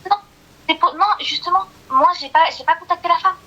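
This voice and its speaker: A woman with a small, soft voice calling into a live chat, hesitant, stammering and apologetic. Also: very high voice, fairly quick, lo-fi sound. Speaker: caller. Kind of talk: casual call-in chat.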